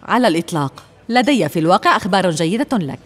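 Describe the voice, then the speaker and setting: A kind social worker. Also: female voice, on the low side, animated, fast talker. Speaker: social worker who adopts a boy. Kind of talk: dubbed drama acting.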